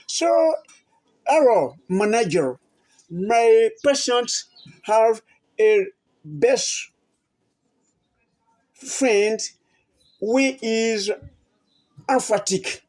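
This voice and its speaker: A woman, a native French speaker, hosting a health channel and talking to viewers in a halting way, often repeating and restarting words. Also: medium pitch, a little mellow. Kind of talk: informal talk to camera.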